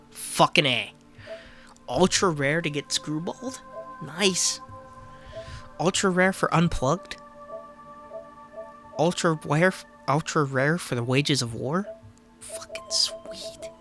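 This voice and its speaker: A man talking through his gameplay in a loose, offhand way, swearing freely as he chats. Loud game music plays beneath his voice. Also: fairly high pitch, takes it slowly, pauses often. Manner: profane, offhand, chatty. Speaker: let's play host. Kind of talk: casual gameplay commentary.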